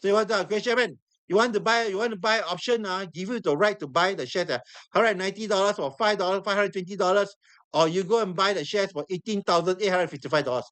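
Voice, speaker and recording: Teaching a live trading session, this man speaks Singaporean-accented English in a voice gone hoarse. He often says things twice and tosses questions to his students. The voice is high-pitched, quick and slightly bright.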